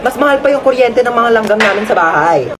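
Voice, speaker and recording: A woman acting out comic sketches, playing several everyday characters in an animated, playful way. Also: fairly high pitch, fast, a faint crowd, slight background noise. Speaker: comedy sketch creator. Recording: music playing underneath.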